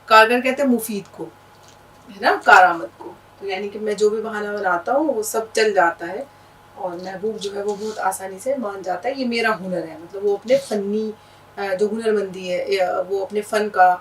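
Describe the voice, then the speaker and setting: A woman's voice: medium pitch, a bit bright, recorded from a distance, slight background noise, rough recording. A woman teacher with an Indian Urdu accent, patiently explaining words and letters with examples in a language lesson.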